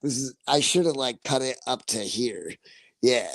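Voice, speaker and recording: A man's voice: mid-range voice, animated, moderate pace, creaky, dry recording. A man in his forties chatting casually on his livestream, rambling, laughing often and swearing freely. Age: 40s. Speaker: livestream host.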